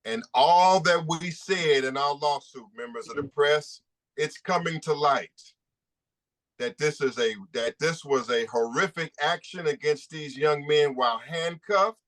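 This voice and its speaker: A man's voice: on the high side, unhurried, fairly bright tone. A man who is a civil rights attorney giving an impassioned, emphatic statement at a press conference, repeating points for stress.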